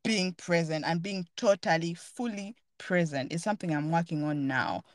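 A woman's voice: fairly low pitch, normal speed, dry recording. A woman hosting a podcast, talking earnestly and thoughtfully in a casual, reflective chat while searching for her words. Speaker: podcast host.

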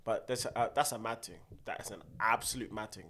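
Fairly low and a bit bright, this young man's voice moves along fairly quickly over slight background noise. With a London roadman accent and multicultural slang, he jokes around casually among friends and repeats phrases to drive them home.

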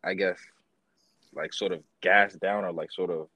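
A man co-hosting a podcast, telling stories at a slow, drawn-out pace in slang-heavy casual chat. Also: sits low, fairly even intonation, pushed and bright, no room sound.

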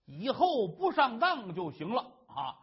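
A man's voice: very high-pitched, wildly swooping pitch, unhurried, slightly rough, dull audio, full character voice. A man voicing a worried husband who coaxes his wife to explain, in an earnest way. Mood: coaxing. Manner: coaxing, earnest. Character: worried doting husband, a scholar, boastful.

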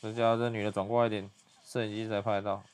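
A young man giving hushed, muttered play-by-play commentary as he reacts to a video. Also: fairly low pitch, flat delivery, very fast, clear, resonant tone.

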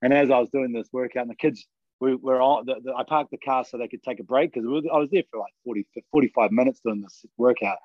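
A man's voice: mid-range voice, fast, dry recording. A man co-hosting a podcast, telling casual stories and acting out the lines of the people in them. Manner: animated storyteller acting out quotes. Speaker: podcast co-host. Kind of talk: casual chat. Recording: slightly dull, dry sound.

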